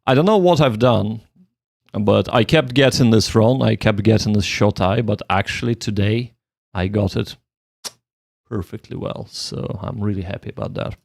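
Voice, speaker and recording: This man's gravelly, darkish voice sits low and moves at normal speed, captured in a dry, studio-quality recording. A livestreamer studying Japanese, he chats casually and somewhat hesitantly while practicing Japanese reading, often repeating his words.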